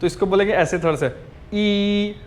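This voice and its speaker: A man teaches pronunciation, drilling each sound again and again. His voice sits high for a man. He speaks at an unhurried, deliberate pace. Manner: slow, repeats sounds over and over for the learner. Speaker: language teacher. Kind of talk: pronunciation lesson.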